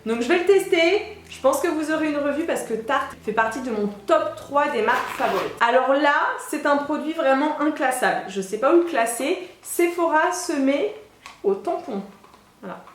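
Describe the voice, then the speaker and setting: A young woman beauty vlogger chatting excitedly through a product unboxing, with lots of hesitations. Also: high-pitched, normal speed, slight background noise. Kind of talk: casual product unboxing chat. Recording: echoey room.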